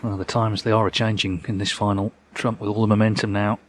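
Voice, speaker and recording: A man's voice: fairly low pitch, flat delivery, a little fast. A man giving live snooker commentary as a match commentator. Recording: loud crowd and arena noise.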